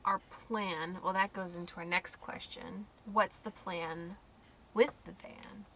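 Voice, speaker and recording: A woman's voice: lowish voice, fairly even intonation, slow pace, bright, forceful tone, slight background noise. A young American woman from Idaho, reading out questions in a casual Q&A and laughing easily. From Idaho, United States. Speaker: co-host asking questions. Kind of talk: casual Q&A chat.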